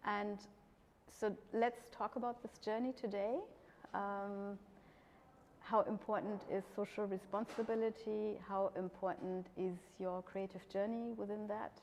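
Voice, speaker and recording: A woman's voice: mid-range voice, little pitch movement, measured pace, a little mellow. A woman moderating a panel discussion, speaking hesitantly with many "um"s. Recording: long hall reverb, faint background noise.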